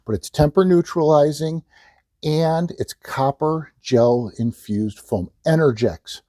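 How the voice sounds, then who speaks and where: A man's voice: on the high side, slow pace, warm tone, dry recording, studio quality. A man presenting a product demonstration as a hard-sell ad, emphatically repeating selling points. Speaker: infomercial presenter and salesman. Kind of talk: sales pitch, product demonstration.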